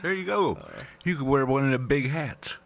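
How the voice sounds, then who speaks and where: A man's voice: mid-range voice, moderate pace. A man co-hosting a radio show, tossing in wisecracks during casual banter. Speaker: radio co-host.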